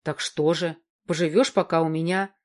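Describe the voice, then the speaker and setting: A protective, fatherly older man speaks in a measured, reassuring way, as a woman narrator reads him. His words come slowly and kindly in this audiobook. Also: low-pitched, fairly even intonation, natural voice.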